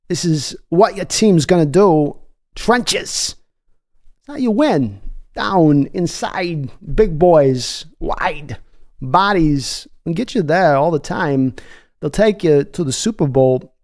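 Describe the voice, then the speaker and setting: Brief: a man impersonating a blunt male football pundit, voice pushed up high, loud and punchy, chopping every thought short. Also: lively intonation. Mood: emphatic. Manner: short clipped phrases, drawn-out emphasis. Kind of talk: mock impression in a sports livestream.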